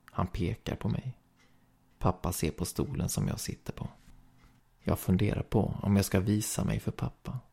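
Gravelly, husky man reading ghost stories. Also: low-pitched, dark tone. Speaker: storyteller.

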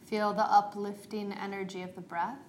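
A woman yoga teacher leading a guided meditation in a calm, meditative, unhurried tone. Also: medium pitch. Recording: roomy echo, faint background noise.

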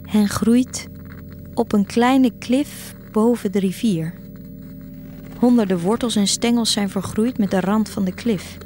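A woman with a medium-pitched, mellow voice speaks a little slowly, with a faint hiss or hum, sounding close to everyday speech. She voices a yearning teenage girl recounting her own story in first person for a scripted audio drama, as its narrator and voice actor. The mood is reflective and intimate.

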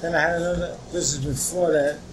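A man's voice: a little high, fairly even intonation, fast, a crowd in the background. An older retired man chatting casually as he answers questions in an interview. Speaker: retired business owner being interviewed. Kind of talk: casual chat. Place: community center room. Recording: noisy room ambience.

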